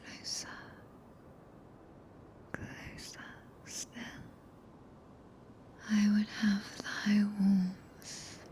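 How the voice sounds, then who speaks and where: A woman with a British accent playing a regal, tender witch consort in a whispered ASMR roleplay, breathy and soothing, with archaic phrasing. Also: medium pitch, level tone, mellow. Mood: soothing, intimate. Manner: slow, archaic, soothing speech.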